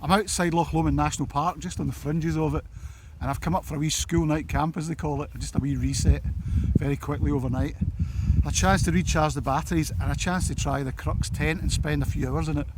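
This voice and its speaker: Scottish man vlogging over loud wind noise. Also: fairly high pitch, steady tone, fairly quick. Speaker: outdoor camping vlogger. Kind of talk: casual chat to camera, gear review. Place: outdoors on a windy hillside campsite, in and by a tent. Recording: windy outdoor recording with loud noise.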